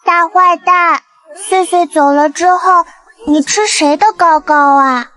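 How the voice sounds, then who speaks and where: A woman voicing a sweet, clingy little girl in an animated drama, talking in cutesy baby talk and calling herself by name. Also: extremely high pitch, slow, heavily acted. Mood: coaxing.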